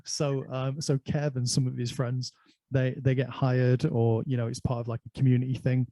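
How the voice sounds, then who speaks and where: A man's voice: mid-range voice, level tone, normal speed, dark tone, no room sound. An Irish man hosting a casual conversation, chatty and anecdotal, telling stories from his life. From Ireland. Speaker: host.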